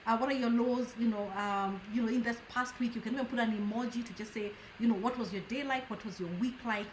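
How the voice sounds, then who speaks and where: A woman's voice: on the high side, steady tone, quick pace, a little hiss or hum. Earnest woman pastor, echoey room. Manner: earnest, thankful, hesitant with fillers. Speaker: pastor and host. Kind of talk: casual chat.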